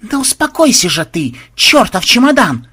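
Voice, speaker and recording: A man voicing a stubborn, excitable male programmer who shouts. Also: very high-pitched, slow pace, breathy edge, voice pushed up, exaggerated voice. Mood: yelling. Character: stubborn hot-headed male programmer gamer.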